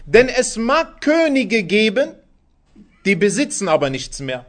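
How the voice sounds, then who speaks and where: A man's voice: high-pitched, sing-song, measured pace. A man giving a sermon-style lesson on the Quran in German, explaining patiently, posing rhetorical questions to his listeners and weaving in recited Arabic phrases. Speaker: Islamic preacher.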